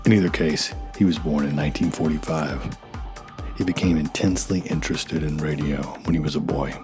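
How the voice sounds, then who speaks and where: A man's voice: a bass voice, fairly even intonation, a little fast. A man in his forties reading scripted documentary narration with wry, self-deprecating asides. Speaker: YouTube narrator. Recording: faint music behind voice. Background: faint music.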